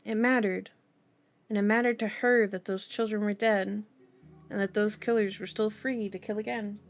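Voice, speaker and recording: With a mid-range, steady voice at normal speed, a channel host reads a novel in an ASMR manner, dropping in playful, chatty comments along the way. Background music accompanies her.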